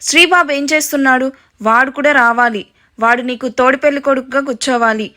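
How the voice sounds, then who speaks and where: A woman's voice: high voice, fairly quick, bright, forceful tone. Stern older mother, bossy and scolding, voiced by a woman narrator.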